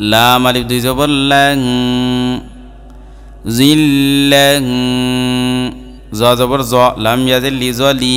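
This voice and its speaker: A man teaching a Quran tajweed lesson, drawing out each letter in a smooth, resonant chant. His voice rings with a long hall reverb, and faint music plays underneath. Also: medium pitch, fairly bright tone. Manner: slow drawn-out chanting of letters, then brisk explanation.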